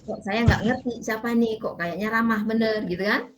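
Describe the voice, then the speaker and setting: A woman's voice: fairly high pitch, moderate pace, rough recording. A middle-aged woman lecturer with an Indonesian accent, patiently explaining English grammar to her class with many fillers. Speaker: university lecturer.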